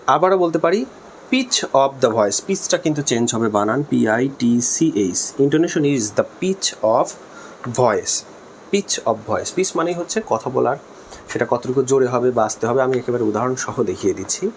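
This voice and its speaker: A man's voice: medium pitch, expressive, a little slow. A Bangladeshi man teaches a lesson in an easy middle voice with a faint hiss behind him. He explains step by step, repeats key terms and spells words out letter by letter. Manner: switches between Bangla and English terms. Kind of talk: spoken lesson.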